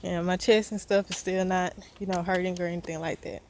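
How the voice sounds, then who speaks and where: A woman's voice: fairly low pitch, flat delivery, a little fast, slight background noise. A woman with a Southern US accent, vlogging outdoors in casual, earnest talk, a bit out of breath and encouraging. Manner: earnest, encouraging, rambling with fillers.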